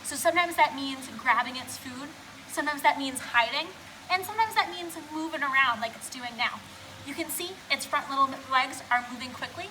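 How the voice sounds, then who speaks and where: Cheery, high-voiced woman zookeeper. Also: sharp tone, a little hiss or hum, low-quality recording. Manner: cheery, friendly explainer. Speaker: zookeeper and educator hosting an animal talk. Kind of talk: educational presentation for children. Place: indoors beside an aquarium tank at a science center.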